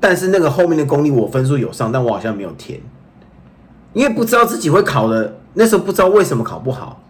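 Lively, fast-talking Taiwanese Mandarin man. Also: on the high side. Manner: animated, playful storytelling with bursts of bragging. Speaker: podcast co-host. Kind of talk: casual chat.

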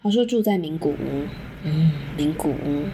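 A woman's voice: deep voice, animated, moderate pace, warm tone, a little hiss or hum. A young adult woman with a Taiwanese Mandarin accent hosting a solo podcast, telling a story in a frank, chatty way, swearing casually and laughing often. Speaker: podcast host.

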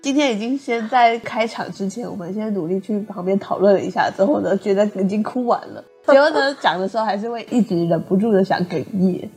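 A woman co-hosting a book podcast, gently chiming in and carrying the story on. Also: mid-range voice, expressive, a little fast, hardly any pauses, breathy edge, soft background music. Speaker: podcast co-host.

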